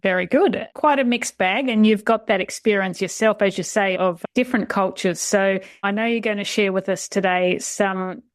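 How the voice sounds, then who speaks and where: Woman podcast host, polite and encouraging, mid-pitched, dry close mic. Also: moderate pace, hardly any pauses, no echo. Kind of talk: scripted intro then interview chat.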